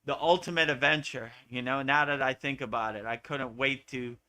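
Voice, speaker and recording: Bright-voiced American man teaching yoga. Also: mid-range voice, fairly even intonation, normal speed. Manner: earnest, repetitive, preaching. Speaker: spiritual teacher. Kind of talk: live Q&A satsang talk.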